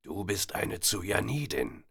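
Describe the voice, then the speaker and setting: A man voicing a strongly built, deranged old man who speaks slowly and conspiratorially. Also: fairly low pitch, expressive, gravelly, bright, forceful tone, husky, voice pushed up, exaggerated voice. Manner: slow, intense, conspiratorial.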